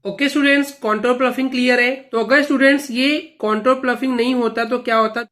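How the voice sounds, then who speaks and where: A man's voice: very high voice, steady tone, fast talker, pushed and bright. A young man teaching a school lesson at a board, patient and repetitive, often checking in with "okay" and "students". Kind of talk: explaining a lesson at a whiteboard.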